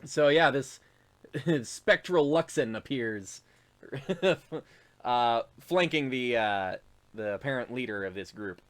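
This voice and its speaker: A man's voice: mid-range voice, lively intonation, slow. A man narrating as game master of a tabletop game, rambling with fillers and frequent chuckles.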